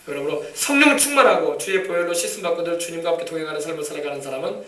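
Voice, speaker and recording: Fast, high-voiced preacher in an echoey church. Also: male voice. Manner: emphatic, calls for congregation replies; shouts commands at demons. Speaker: pastor. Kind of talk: sermon on casting out demons. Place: church sanctuary. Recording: echoey church, mic from a distance.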